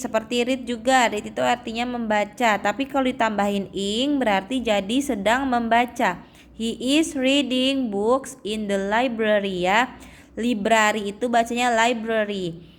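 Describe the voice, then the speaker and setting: A young adult woman teaching English to children, drawing out example phrases slowly and checking in often. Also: on the high side. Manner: slow, drawn-out reading of English phrases, frequent "ya" checks. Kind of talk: explaining English lesson to children.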